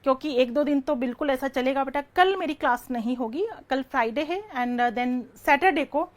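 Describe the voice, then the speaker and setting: A female teacher runs an online exam-prep class, rattling off rapid questions, echoing every answer, and addressing students as "beta." She has a high voice.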